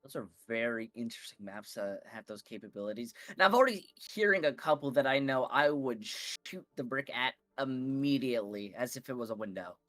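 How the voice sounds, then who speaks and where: Brief: male esports caster, mid-pitched, loose joking delivery, dry booth sound. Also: lively intonation, a little fast, few pauses, a bit bright, no echo. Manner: rambling, playful, many fillers. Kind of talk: casual live game commentary.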